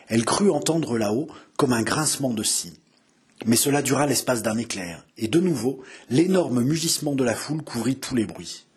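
A man's voice: mid-range voice, a little mellow, breathy edge. A man reading an adventure novel aloud in a dramatic narrating style. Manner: dramatic, builds intensity. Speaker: audiobook narrator.

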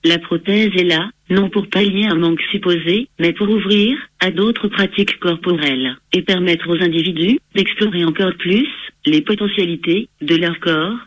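A male text-to-speech voice, clearly synthetic, reading out scripted interview answers in a chipper, computer-read manner. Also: high-pitched, moderate pace, a bit bright, dry recording, muffled recording. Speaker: interviewed activist and researcher.

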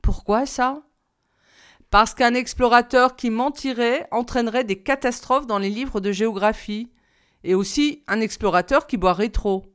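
Clear-voiced woman reading a storybook. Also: on the high side, a little slow. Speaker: narrator. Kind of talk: audiobook reading.

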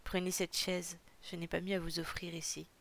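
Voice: mid-range voice, little pitch movement, moderate pace, creaky, fairly bright tone. A storyteller voicing a cunning, courteous old widowed lord in a read-aloud story. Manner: courteous, fussing.

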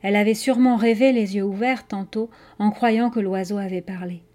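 A woman's voice: medium pitch, steady tone, a little fast, dark tone. A woman reading a children's novel aloud, narrating steadily and expressively. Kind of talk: read-aloud storytelling.

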